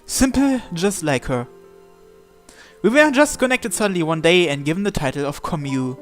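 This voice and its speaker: A man with a high-pitched, animated voice reads the story text of a visual novel aloud at normal speed, with game music playing behind him.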